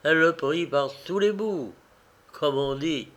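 Male audiobook reader, slow and measured, slightly high voice, classic fiction. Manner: slow, measured, expressive reading. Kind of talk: scripted narration of a classic novel.

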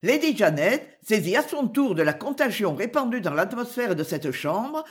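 Reading from a classic novel, this audiobook narrator delivers scripted literary narration at a slow, expressive storytelling pace, in a mid-range voice.

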